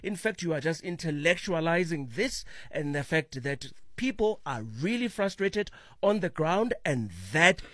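A man's voice: a little high, lively intonation, unhurried, few pauses, a bit bright, no echo. A man hosting a radio talk show in a studio, putting direct, probing questions to callers. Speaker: radio host.

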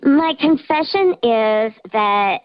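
A woman's voice: on the high side, lively intonation, takes it slowly, clean tone, no room sound. A woman calling in to a radio show with her voice disguised by a voice changer, chatting casually and saying "like" a lot. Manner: chatty, lots of "like" and "you know". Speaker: radio call-in guest. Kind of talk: casual chat telling a confession. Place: calling in by phone. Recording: dull phone line.

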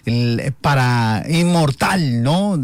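Hesitant co-host, dry studio sound. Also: male voice, medium pitch, animated, extremely slow, no echo. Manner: hesitant, many fillers. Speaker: radio co-host. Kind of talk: casual radio chat.

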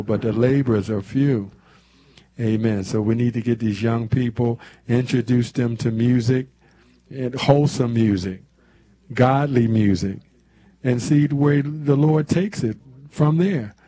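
A man in his seventies hosts a gospel radio hour from the studio. His voice sits low and gravelly with a dark, husky tone. He speaks in a relaxed, preacherly way, punctuating thoughts with amens. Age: 70s. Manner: preacherly, peppers talk with amens. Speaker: radio show host. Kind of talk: casual church radio talk.

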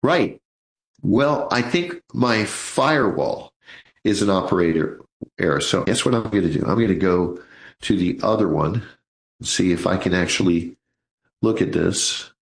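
A man's voice: low voice, animated, measured pace, vocal fry, roomy sound, rough recording. A man in his sixties hosting a live financial radio show, chatting in a folksy way and calling his listeners folks. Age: 60s.

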